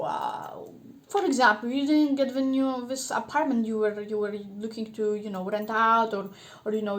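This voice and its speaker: Rambling woman reading tarot cards. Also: on the high side. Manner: rambling, many fillers and restarts. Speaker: tarot reader. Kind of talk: casual tarot reading to camera.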